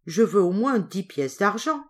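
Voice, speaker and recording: In a storybook reading, a woman voices an eager, bold young boy at a normal speed. Her medium-pitched voice is raised above her own natural pitch but stays close to an everyday voice.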